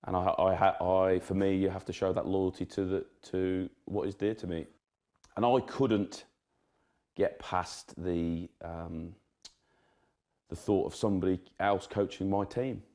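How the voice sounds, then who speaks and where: A man's voice: sits low, steady tone, unhurried, dark tone. A man in his forties from England, a rugby coach answering interview questions hesitantly, with many ums and laughing asides.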